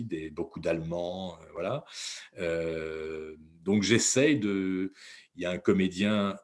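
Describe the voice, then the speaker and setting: A man's voice: sits low, darkish tone. A man, a voice actor and dubbing director, chatting in an interview in a rambling, self-correcting way. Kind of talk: casual interview talk.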